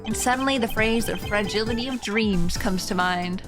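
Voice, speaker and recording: A woman voicing a formal, weary male prosecutor from a video game in a measured, deadpan noir-detective monologue. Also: mid-range voice, over music, lightly acted. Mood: dry, formal. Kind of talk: reading game dialogue aloud in character.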